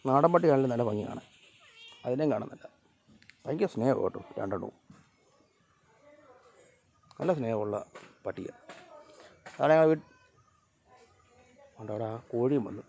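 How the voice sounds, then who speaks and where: A man filming a casual vlog outdoors around his house, talking softly to viewers and calling out loudly to his cats and dogs. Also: mid-range voice, lively intonation, moderate pace, gravelly, pauses often. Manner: calls and scolds animals in raised voice, chats softly to viewers. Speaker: vlogger. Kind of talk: casual vlog narration to camera while feeding pets. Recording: slightly dull lo-fi phone audio.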